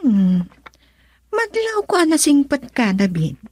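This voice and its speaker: An actress with a Filipino accent plays a coy, flirtatious married woman who employs a driver, coaxing and teasing him in a radio drama. Her exaggerated voice is high-pitched and darkish, swinging hugely in pitch as she speaks slowly.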